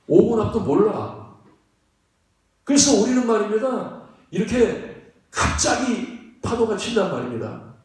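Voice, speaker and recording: A male pastor with a high, darkish voice preaches in a church sanctuary, conversational yet emphatic, often throwing rhetorical questions to the congregation. A distant mic picks up the sanctuary's echo.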